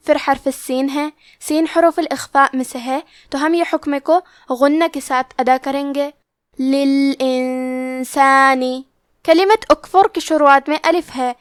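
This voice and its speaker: Woman teaching tajweed, explains each letter patiently, high voice, dry recording. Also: no room sound. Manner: explains letter rules step by step, then recites slowly. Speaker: Quran recitation teacher. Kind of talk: tajweed lesson with slow recitation.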